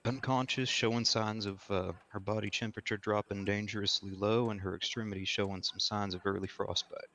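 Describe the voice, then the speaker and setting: Man playing a low-voiced, halting frontier witness. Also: fairly even intonation, bright, forceful tone. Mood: measured, careful. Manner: halting, deliberate, formally worded. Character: male frontier witness, armed woodsman, measured and formal. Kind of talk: improvised courtroom role-play testimony.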